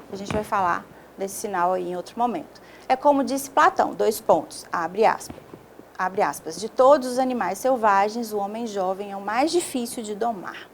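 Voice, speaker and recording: A woman's voice: medium pitch, a little hiss or hum. A woman, a teacher explaining a video lesson step by step and checking in often with her students. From Brazil.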